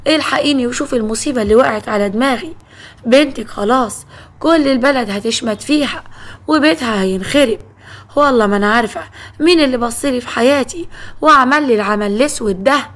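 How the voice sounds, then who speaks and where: A woman's voice: a little high, fast, a bit bright. A woman voicing a wronged young wife with an Egyptian accent who pleads and complains. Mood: pleading.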